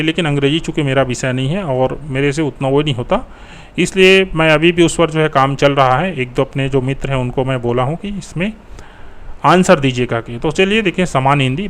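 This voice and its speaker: A man's voice: on the high side, fairly bright tone. A male teacher walking through exam answers in a conversational, think-aloud way.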